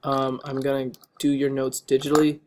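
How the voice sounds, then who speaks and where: Male teacher, slightly hoarse, monotone delivery, steady and patient as he walks students through class notes on a screen recording. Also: medium pitch, normal speed, slight background noise. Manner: steady, patient, checks in with repeated okays. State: hoarse, losing his voice. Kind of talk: recorded math lesson over digital notes.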